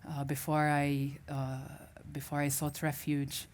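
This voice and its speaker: A woman from Syria, Arabic being her first language, recounts a reflective personal story at a festival. She speaks in a low, monotone, slightly mellow voice at a measured pace, repeatedly restarting as she searches for what to say.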